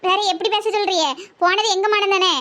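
Cartoon: பெண் நடிக்கும் சண்டைக்கார அம்மா, நெல்லை வழக்கு, உரத்த குற்றச்சாட்டு, மிக உயர்ந்த கூர்மையான குரல். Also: female voice, very high voice, steady tone, brisk, sharp tone. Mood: angry. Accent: Tirunelveli Tamil. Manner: scolding, accusing. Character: angry village mother, sharp-tongued and loud. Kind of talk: cartoon voice acting.

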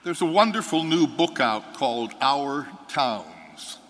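Older man, American priest, earnest homily, mid-pitched voice, reverberant church. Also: lively intonation, fairly bright tone. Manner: earnest, measured, building to firm conviction. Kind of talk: reading the gospel and preaching a homily. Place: large church sanctuary, seated before an altar. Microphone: fixed microphone at the altar.

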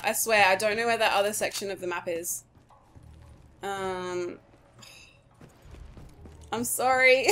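A woman giving casual commentary over her own gameplay, nervous, swearing and pleading with the game. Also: medium pitch. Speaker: gaming YouTuber.

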